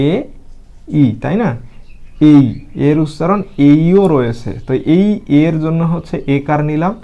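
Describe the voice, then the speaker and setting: His voice a little high and mellow, a man explains English spelling and pronunciation at a slow pace, sounding out words one letter at a time.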